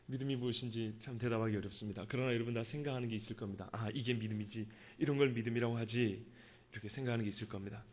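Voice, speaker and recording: A man's voice: medium pitch, fairly even intonation, fast talker. A man preaching a fervent sermon as pastor, calling on the congregation to answer amen.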